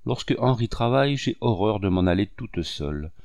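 A man's voice: lowish voice, expressive, moderate pace, a little mellow, dry recording. A man reading aloud and voicing a gracious homebound wife, affectionate and lightly ironic. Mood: chatty.

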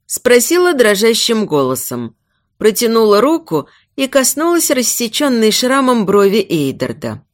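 A woman's voice: a little high, a little slow. A woman narrating a novel expressively in scripted narration. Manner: expressive, acts out character voices. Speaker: audiobook narrator.

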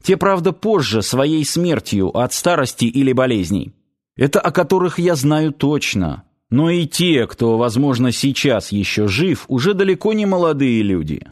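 A male narrator doing a gruff middle-aged garrison commander in an audiobook, blustering and volatile. He slides between weary grumbling and sudden yelling, in a middle-pitched male voice. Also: sing-song, moderate pace, natural voice. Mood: worried. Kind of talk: audiobook character voice.

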